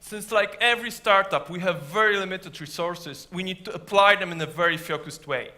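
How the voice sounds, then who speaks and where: Man, high-pitched, bright forceful tone, rehearsed founder pitch. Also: brisk. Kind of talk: rehearsed competitive startup pitch.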